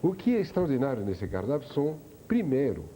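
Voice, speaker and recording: Chef guy from france on a tv talk show, lively pitch, mellow dark tone, faint studio hum. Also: fairly quick. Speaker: chef guest.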